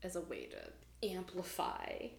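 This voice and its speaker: A woman's voice: fairly low pitch, wildly swooping pitch, a little slow, vocal fry. A woman chats as a podcast co-host, her voice bouncing up and down with energy. She laughs often and swears casually, recorded in an echoey room. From Maine. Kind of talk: casual chat.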